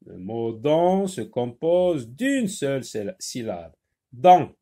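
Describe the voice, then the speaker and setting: A man teaching a phonics lesson to young children, speaking slowly and deliberately and repeating each word to stress its sounds, recorded on a phone he holds in his hand. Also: medium pitch, big pitch swings, mellow. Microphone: handheld phone.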